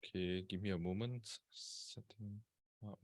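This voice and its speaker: A man's voice: low voice, fairly even intonation, a little slow, a little mellow, no echo. Male webinar presenter from Singapore, casual and chatty, greets viewers by name, dry computer-mic sound. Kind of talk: live webinar talk.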